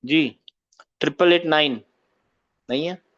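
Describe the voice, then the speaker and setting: Male online teacher, slightly high, keeps asking the class for confirmation, lo-fi call sound. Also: takes it slowly, fairly bright tone. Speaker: Arabic teacher. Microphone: video call. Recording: muffled lo-fi call audio.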